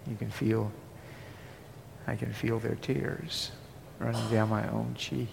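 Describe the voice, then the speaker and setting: A man preaching a sermon, moving from hushed, tender passages to rising, forceful declarations. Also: on the low side, fairly even intonation, takes it slowly, creaky. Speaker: pastor. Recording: long hall reverb with faint noise.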